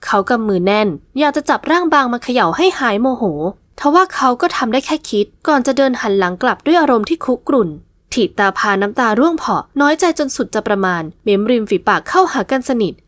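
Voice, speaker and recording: Expressive woman reading a novel aloud. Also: a little high, fairly quick, hardly any pauses, dry recording. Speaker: audiobook narrator. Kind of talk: scripted novel narration.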